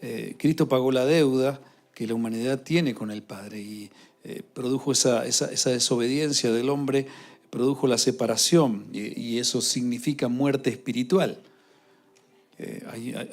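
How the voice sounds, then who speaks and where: A male pastor preaching a sermon, pausing often with filler sounds and repeated words. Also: medium pitch. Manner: grows louder and more fervent toward the close.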